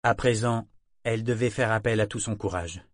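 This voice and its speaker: A man reading a novel as an audiobook narrator in a measured, even manner. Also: fairly low pitch, no room sound, studio quality. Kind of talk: scripted narration.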